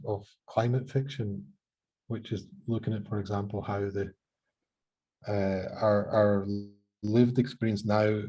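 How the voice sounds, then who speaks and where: A man's voice: fairly low pitch, dark tone, husky. A middle-aged Scottish man from central Scotland, speaking on a conference panel in a thoughtful, hesitant way with many restarts. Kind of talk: panel discussion.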